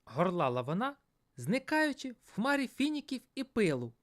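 A woman narrating a fairy tale for children in a playful, expressive way. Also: a little high, normal speed. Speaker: storyteller.

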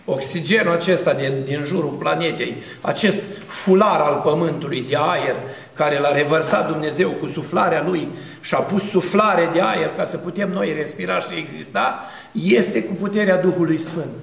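Orthodox priest, male, rather high voice, preaching with emphatic, rhythmic repetition that climbs phrase by phrase. His sermon rings through a roomy hall with a long reverb tail. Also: gravelly. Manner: emphatic, builds repeated phrases into rising cadences.

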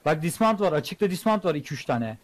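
A man's voice: on the high side, big pitch swings. A man leading his squad over game voice chat, firing off instructions and praise. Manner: rapid instructions and praise to teammates. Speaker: squad leader in an online team battle.

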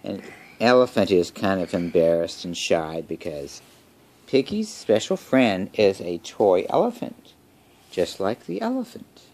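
A man reading a picture book aloud to young children at home, gentle and chatty. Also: low voice, big pitch swings, a little slow, slight background noise. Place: home room.

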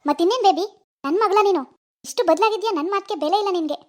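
Bossy, snobbish cartoon mom, woman's voice, loud and condescending. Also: very high voice, fast. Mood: scornful. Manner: sharp, scolding, condescending. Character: snobbish middle-aged mother, scolding and bossy.

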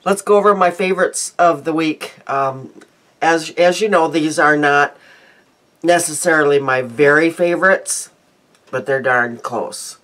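An older Midwestern woman, a beauty vlogger, chats casually to the webcam on her desk in a small, cluttered room at home. Her voice is deep, unhurried and fairly bright, and her nose sounds congested. She rambles, interrupts herself and keeps restarting sentences.

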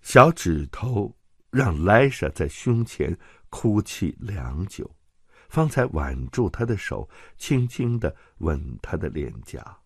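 Slow, husky male audiobook narrator. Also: sing-song, no room sound, studio quality. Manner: measured, dramatic, lowering for tense moments.

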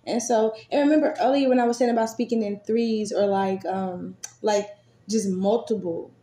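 Female tarot reader, casual and profane, mid-pitched voice, echoey room with light background noise. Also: steady tone, normal speed, warm tone. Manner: chatty, swears freely, many fillers.

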